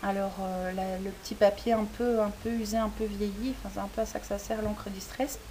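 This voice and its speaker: A woman's voice: medium pitch, fairly even intonation, fairly quick, warm tone, poor audio. A woman hosting a crafting tutorial, explaining each step in a chatty way with frequent hesitations. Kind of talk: casual demonstration tutorial. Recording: faint hiss.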